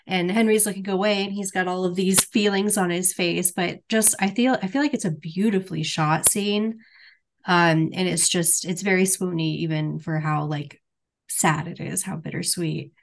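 Woman co-host, enthusiastic and rambling, slightly low voice. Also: steady tone, moderate pace, vocal fry. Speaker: podcast co-host. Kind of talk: casual book and film chat.

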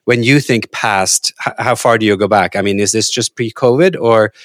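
A man's voice: lowish voice, no echo, clean studio sound. Man hosting a podcast. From Norway. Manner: scripted intro then casual, halting questions. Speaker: podcast host. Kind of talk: podcast interview.

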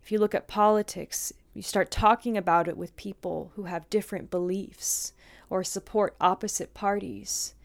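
Calm woman yoga teacher. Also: medium pitch, normal speed, creaky, no room sound, studio quality. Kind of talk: reflective spoken teaching.

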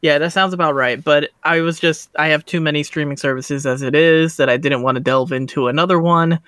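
A man co-hosting a podcast, chatting in an easygoing way with a bright, smooth, fairly high voice. He is recorded on a close, dry mic. He peppers his talk with "like.". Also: brisk, dry recording. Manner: relaxed, easygoing, uses "like" often. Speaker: podcast co-host. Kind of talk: casual chat.

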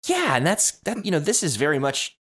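A man's voice: fairly high pitch, huge pitch swings, fairly quick, a bit bright, husky. A man co-hosting a podcast, explaining audio production in casual chat, rambling with many restarts and self-amused asides. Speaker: podcast co-host.

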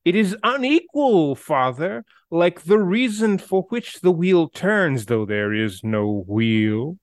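A man puts on a cartoon mobster villain, drawling each line slowly and tacking on a tough-guy "see?". The voice sits a little higher than a typical man's. The sound is dry and close. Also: big pitch swings, no room sound. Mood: mock-gangster reading. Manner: gangster "see?" tag, drawn-out slow lines. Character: male cartoon mobster villain reading a poem. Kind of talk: comic poem reading in a voice.

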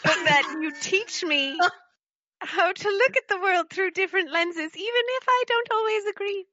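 A woman's voice: extremely high pitch, measured pace, bright, forceful tone, highs cut off, full character voice. A woman voicing a prim, frank, strong female adventurer, speaking formally and earnestly in tabletop role-play.

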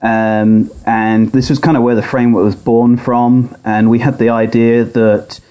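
A software architect guest on a podcast explains his technical work in a measured, conversational way. He was picked up by a laptop's built-in audio instead of a microphone, so the sound is poor. His medium-pitched voice is dark-toned and flat in delivery.

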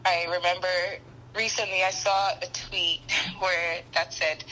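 A young woman who grew up in Ghana, a podcast guest speaking thoughtfully with frequent pauses and restarts. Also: fairly low pitch, little pitch movement, sharp tone, a little hiss or hum, rough recording. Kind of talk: conversational interview.

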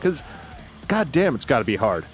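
A man's voice: medium pitch, sing-song, moderate pace, faint music behind. A man co-hosting a podcast, chiming in bluntly with swearing and emphatic remarks. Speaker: podcast co-host. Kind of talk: casual chat.

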